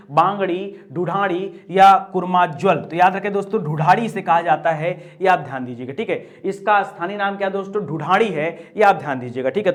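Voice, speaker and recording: A male Hindi grammar teacher working through an exam quiz, repeating each answer and checking in with the class again and again. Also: high voice. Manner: drills answers with repeated "ठीक है?" and "दोस्तों". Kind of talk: exam prep lesson.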